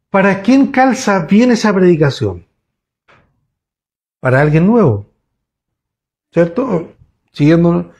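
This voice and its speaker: A man's voice: high-pitched, a little mellow. A man preaching a sermon in a church, telling a story in a conversational way with frequent restarts. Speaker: pastor.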